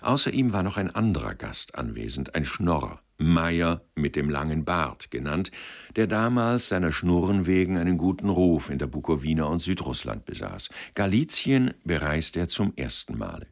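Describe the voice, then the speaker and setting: A man reading literary fiction aloud as an audiobook narrator, measured and expressive. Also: low-pitched.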